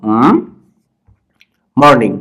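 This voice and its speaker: A Bangladeshi man teaching English to children with a cold, repeating words slowly and saying the first syllable loudly and the rest softly. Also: mid-range voice, animated. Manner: playful teasing of pupils. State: has a cold. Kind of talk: slow explanatory lesson for children.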